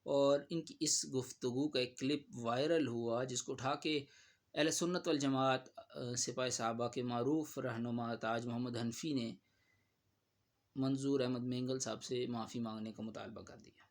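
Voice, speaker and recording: A man giving spoken commentary on a religious dispute in a measured, admonishing tone. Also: mid-range voice, fairly even intonation.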